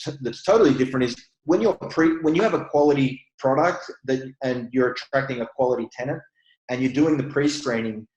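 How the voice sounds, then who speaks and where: A man's voice: mid-range voice, darkish tone, reverberant, rough recording. A man with an Australian accent, a real estate investor chatting as a guest in a casual interview, laughing easily and restarting his sentences.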